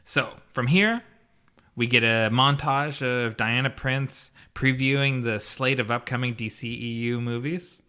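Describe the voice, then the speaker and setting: Bright-voiced man recapping a movie. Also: mid-range voice, unhurried, clear, resonant tone. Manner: sarcastic, laughs often while recapping. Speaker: podcast co-host. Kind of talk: casual chat recapping a movie.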